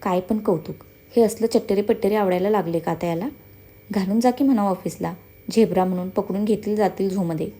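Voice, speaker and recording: A woman's voice: mid-range voice, fairly quick, warm tone, natural voice. A woman voicing a feisty young woman who grumbles sarcastically in a storybook reading. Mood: irritated.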